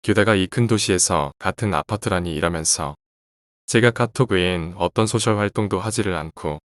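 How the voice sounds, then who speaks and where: Brief: deep-voiced man, steady horror storyteller, close and dry sound. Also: normal speed, no room sound. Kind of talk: scripted narration of a first-person horror story.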